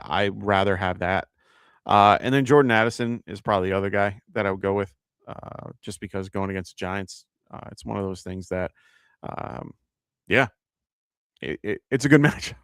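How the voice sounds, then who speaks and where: A man with a New York accent talks in a relaxed, rambling way, stopping often on "uh" and "um" as he works through his picks out loud. His voice sits low with a gravelly edge, yet it stays smooth and full. The sound is close and dry, with almost no room around it. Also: normal speed, dry recording. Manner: casual and conversational, thinking aloud with many fillers. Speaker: fantasy football show host. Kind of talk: live-stream chat answering viewer questions.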